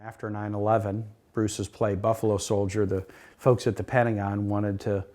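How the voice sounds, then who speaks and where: A man who was a city councilman and mayor, talking briskly and chattily with many fillers in an interview. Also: on the low side, little pitch movement, a little mellow. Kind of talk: documentary interview.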